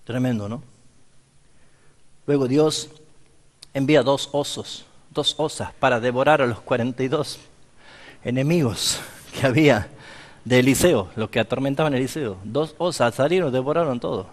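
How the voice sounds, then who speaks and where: With a medium-pitched voice at normal speed and long pauses, this Argentine-accented pastor preaches to a seminary class in a large, roomy space. He tells Bible stories, performs the characters' lines and asks the audience questions.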